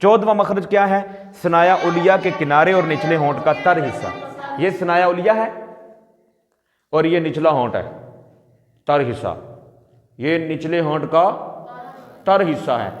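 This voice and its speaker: A man with a fairly high voice teaches recitation, repeating each point and asking his students questions. He draws sounds out slowly to show how they are made. His voice rings around a roomy space with a long, hanging reverb. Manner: stretches out sounds slowly to demonstrate them. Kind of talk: teaching lesson. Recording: echoey room with long reverb.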